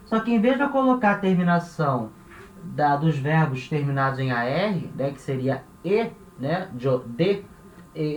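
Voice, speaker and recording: A man from Brazil teaching a Spanish grammar lesson, patient and repetitive, checking in with the listener after nearly every phrase. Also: a little high. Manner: patient, repeats points, tags phrases with "né?" and "tá?". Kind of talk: explanatory language lesson. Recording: echoey room with faint ambient noise.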